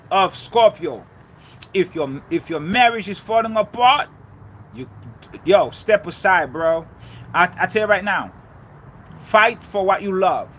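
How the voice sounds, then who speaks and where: A Haitian spiritual speaker delivers a fervent, preachy motivational talk on faith and relationships, repeating key lines for emphasis. His voice is high-pitched and bright with a forceful tone, over slight background noise.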